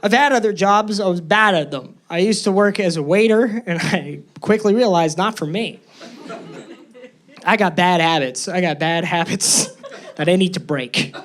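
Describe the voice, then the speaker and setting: Nervous high-voiced stand-up comedian. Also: male voice, moderate pace. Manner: nervous, self-deprecating storytelling. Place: comedy club stage before a live audience. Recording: live show with loud crowd laughter.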